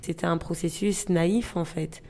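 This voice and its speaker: A woman's voice: fairly low pitch, fairly even intonation, a little slow, darkish tone. A woman in her twenties from Gabon, telling her own story in an interview, reflective and hesitant, with frequent fillers and restarts. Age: 20s.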